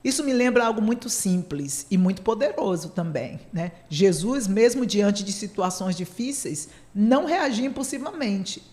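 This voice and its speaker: A woman's voice: medium pitch, expressive, moderate pace, hardly any pauses, a little mellow. A woman, a psychotherapist hosting a casual radio talk, chatty and playfully sarcastic, laughing often.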